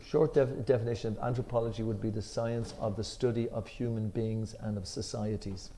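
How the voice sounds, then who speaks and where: An Irish-accented man leads a scripture discussion, reading a commentary aloud with emphasis before explaining it in a relaxed way, with a few fillers. His voice sits on the low side and moves briskly, with a little hiss or hum in the recording.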